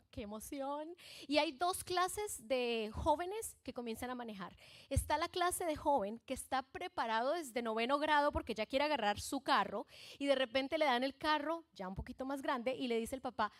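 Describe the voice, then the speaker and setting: A woman pastor in her thirties preaching a sermon, telling lively personal stories and acting out her own past lines. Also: high voice. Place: church stage.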